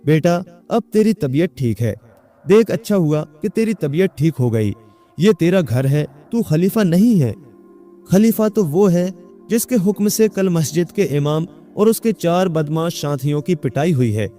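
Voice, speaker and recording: A man's voice: fairly high pitch, expressive, warm tone, faint music behind, natural voice. A man voicing an old mother who pleads with her confused son in a storybook tale. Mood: pleading. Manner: pleading, coaxing.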